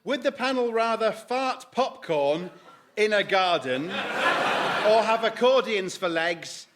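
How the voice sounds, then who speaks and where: A man playing a deadpan caller in a radio sketch comedy. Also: sits high, slow pace, heavy background noise. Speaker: caller and neighbour.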